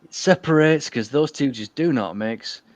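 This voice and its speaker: A man's voice: medium pitch, animated, moderate pace. A man co-hosting a casual podcast, reading a story aloud with wry asides, giggling and stumbling over words. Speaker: podcast co-host. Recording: dull, dry lo-fi call audio.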